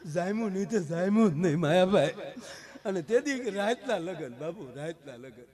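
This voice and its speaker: High-voiced Kathiawadi folk storyteller man. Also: normal speed. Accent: Kathiawadi Gujarati. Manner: animated, punchy rural humor with repeated direct address. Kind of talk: live comic folk storytelling.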